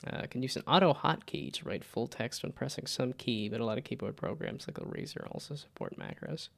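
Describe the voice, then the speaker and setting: A man's voice: mid-range voice, expressive, brisk, gravelly, fairly bright tone. A man chatting casually as he hosts a game livestream, rambling and often trailing off mid-thought. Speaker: livestreamer host. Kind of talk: casual livestream chat while playing games.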